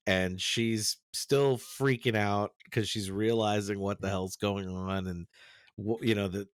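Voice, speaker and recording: Low-voiced guy rambling about a movie on a podcast, dry close sound, keeps restarting. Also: clean tone, no room sound. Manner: rambling, restarts often, laughs while telling. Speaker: podcast co-host. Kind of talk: casual movie chat.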